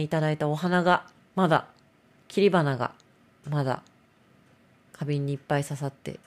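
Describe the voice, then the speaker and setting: A middle-aged woman hosts a casual solo talk show, rambling and self-mocking. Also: lowish voice.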